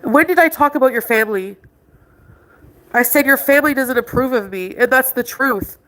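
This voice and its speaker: A woman's voice: high voice, normal speed, fairly bright tone, rough recording. A woman on a livestream ranting in an agitated way, arguing with someone offscreen and talking to her chat. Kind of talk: emotional livestream rant.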